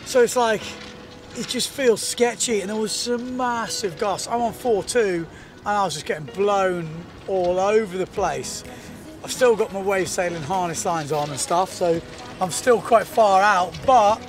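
A man in his thirties talks into an action camera on a beach, his voice high and excited. He swears and laughs as he tells it. Music plays beneath him. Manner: breathless, swearing, laughing, keyed up. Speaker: windsurfing vlogger, host. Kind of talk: excited casual vlog chat. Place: windy beach outdoors. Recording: music playing behind.

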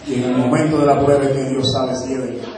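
A man preaching a sermon, telling an anecdote with lively storytelling and voicing both people in it. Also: mid-range voice, fast, crowd noise. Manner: animated storytelling, voicing both sides of a dialogue. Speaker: evangelist preacher. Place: church service. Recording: very echoey church, distant mic. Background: congregation responding.

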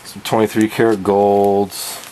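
Filmed on a handheld camera, this rough recording with slight background noise features a man in his twenties casually running through his collection in a cluttered basement, full of fillers. His fairly low voice barely moves in pitch, and he sounds warm and unhurried. It plays as a casual show-and-tell.

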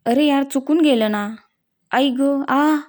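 A playful young woman who loves to tease her friends, as a woman narrator puts her on. Her voice sits a bit high with a soft, warm tone, and she talks with a cheeky bounce. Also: normal speed, lightly acted. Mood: squealing.

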